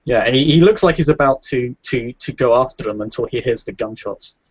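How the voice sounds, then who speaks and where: A man playing a tabletop game, describing his character's actions in a halting way, on a dry, dull lo-fi recording. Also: mid-range voice, slightly rough, dry recording. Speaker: player. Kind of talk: casual tabletop play.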